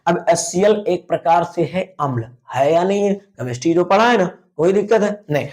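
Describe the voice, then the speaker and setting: A man gives a biology lesson. His voice sits a little high, and he drills terms by asking them back to his students, addressing them fondly as "beta". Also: animated, normal speed, darkish tone. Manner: repeats key words as questions, calls students "beta". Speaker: biology teacher. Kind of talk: classroom lecture.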